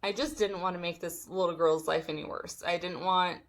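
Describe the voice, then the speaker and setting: A young woman vlogger telling a storytime, animated and swearing as she acts out what people said. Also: lowish voice, moderate pace. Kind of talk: storytime vlog.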